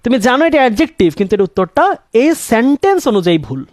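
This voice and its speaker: A man's voice: very high-pitched, big pitch swings, fast talker, darkish tone, no echo, studio quality. A young man teaching English grammar, asking questions and answering them himself and repeating key words. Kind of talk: classroom-style grammar lesson.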